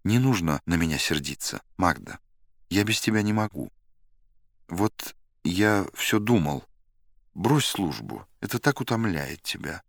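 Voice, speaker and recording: A man's voice: low voice, lively intonation, a little slow, gravelly, no room sound, clean studio sound, exaggerated voice. A man reading the part of an anxious middle-aged man in an audiobook, pleading and nervous in manner.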